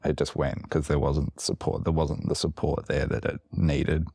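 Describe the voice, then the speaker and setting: A man with a very deep, gravelly voice chats on a podcast, wandering through his thoughts with fillers and restarts. He sounds slightly woozy from medication. The sound is close and dry. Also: little pitch movement, normal speed, mellow, dry recording. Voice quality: very low, gravelly voice. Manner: rambling, many fillers and restarts. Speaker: podcast co-host. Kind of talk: casual podcast chat.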